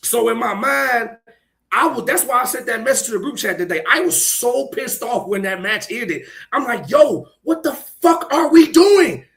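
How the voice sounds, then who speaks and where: Loud, profane man ranting on a podcast. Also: very high voice, normal speed, gravelly. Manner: heated, profane ranting, often shouting; laughs between points. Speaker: podcast co-host. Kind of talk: casual chat.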